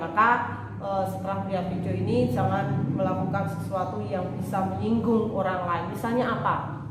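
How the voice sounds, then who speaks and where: Chatty woman teacher in an echoey room. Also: medium pitch. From Indonesia. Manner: chatty, explains in Indonesian mixed with English phrases; models English phrases slowly for students to repeat. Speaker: English teacher. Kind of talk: recorded video lesson for students. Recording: very echoey room, faint background noise.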